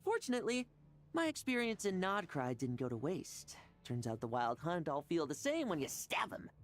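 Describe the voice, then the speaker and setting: An actor voicing a swaggering, blunt young knight with wry, dry humor. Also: male voice, fairly high pitch, wildly swooping pitch, moderate pace. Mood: joking.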